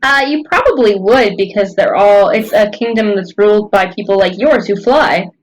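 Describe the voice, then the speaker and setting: A woman's voice: medium pitch, normal speed, poor audio. Playful young woman game master. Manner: casual, playful, joking. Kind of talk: narrating a tabletop game.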